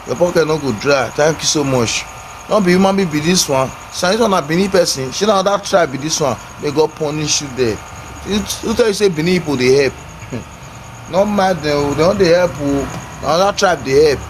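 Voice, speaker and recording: A man's voice: a little high, slight background noise. A man hosting a live stream in Nigerian Pidgin, mocking and insulting his callers between thanks for gifts. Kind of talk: livestream banter.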